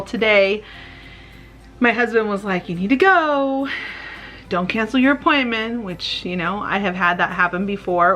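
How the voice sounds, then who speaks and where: Bright-voiced candid woman vlogger, late 30s. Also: mid-range voice. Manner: rambling, open, tender, with small laughs. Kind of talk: candid personal vlog.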